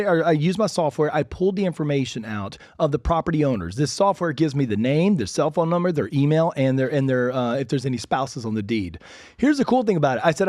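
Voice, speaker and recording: A man hosting a real estate podcast, talking in an energetic, chatty way full of asides. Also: fairly high pitch, dry recording, studio quality. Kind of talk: casual instructional podcast talk.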